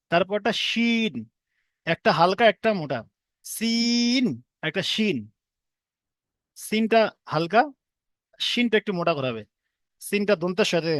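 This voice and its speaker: A man's voice: high voice, no room sound. A man teaching an online class, patiently repeating and drilling each letter sound for his students.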